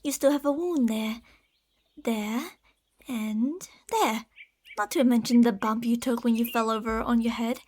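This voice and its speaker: Played by a woman, an obsessive lamia beast-woman speaks in a high, soft voice with formal, soothing phrasing and a measured pace, slipping into whispers in intimate ASMR roleplay style. She sounds soothing and concerned, yet beneath the tenderness she is possessive and deceitful.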